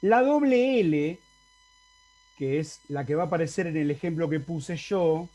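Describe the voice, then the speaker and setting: Speaking fairly quickly, a man with a mellow voice on the high side keeps his tone steady. He is giving a university Latin lecture over a video call with an Argentine accent, explaining in steps and frequently checking on his students.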